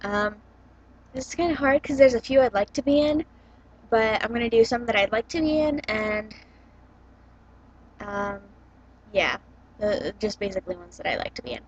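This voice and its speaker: A woman's voice: fairly high pitch, lively intonation, moderate pace, long pauses. A young woman chatting casually about books, full of ums and likes, recorded through a laptop's built-in mic at home. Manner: hesitant, many ums and likes. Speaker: book vlogger. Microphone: built-in computer webcam mic. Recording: dull lo-fi laptop webcam audio.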